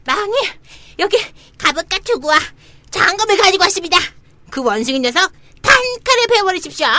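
Lady doing a tiny demon minion for a kids story, super high n bright, eager to please the boss. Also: animated, brisk, a little hiss or hum, heavily acted. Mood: eager, servile. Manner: deferential, busily reporting. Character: small, eager demon underling reporting to his master. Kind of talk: dramatized children's storybook reading.

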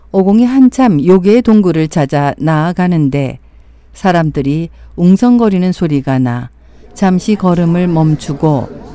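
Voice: medium pitch, dark tone, dry recording, clean studio sound. A narrator telling a scripted folk tale for an audio drama.

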